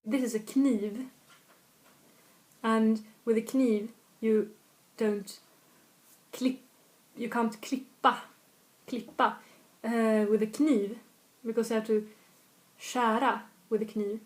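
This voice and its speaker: Speaking slowly with long pauses, a woman tutors language in a relaxed video lesson, repeating example phrases. Her pitch is a little high and her intonation fairly even. She comes from north of Stockholm and has a slightly northern Swedish accent.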